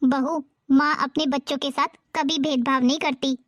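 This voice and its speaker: A woman voicing an elderly mother-in-law who speaks in slow, wounded reproach. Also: high-pitched, fairly even intonation, fairly bright tone. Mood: hurt.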